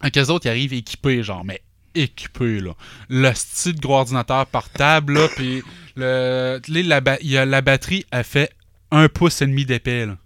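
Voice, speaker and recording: A middle-aged man with a Québécois accent tells a rambling story in an animated, offhand way, packing it with fillers and quick asides. His voice is smooth and clear, recorded close and dry with no room sound. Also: mid-range voice, no room sound. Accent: Québécois French. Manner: animated anecdote-telling with many fillers and asides. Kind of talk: casual chat.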